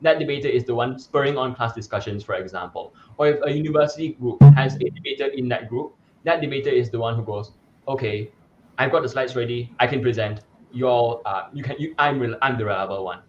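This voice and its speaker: A man's voice: medium pitch, a little fast, dull audio, background noise. A young man from Malaysia, a debate coach, answering interview questions in an articulate, explanatory way with some fillers and restarts. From Malaysia (Sarawak).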